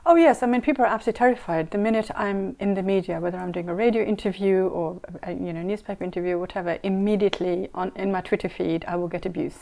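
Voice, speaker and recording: With a warm, medium-pitched voice, vocal fry, and few pauses, this fast talker fields interview questions. The middle-aged scholar and mediator, born in Saudi Arabia and brought up in Kenya and London, speaks earnestly and with emphasis, repeating herself to underline points.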